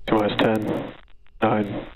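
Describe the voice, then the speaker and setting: A man calling a launch countdown and procedural checks in flat, clipped phrases over a breaking-up radio comms feed. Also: fairly low pitch, takes it slowly. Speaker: launch controller. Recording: loud hiss over a radio link.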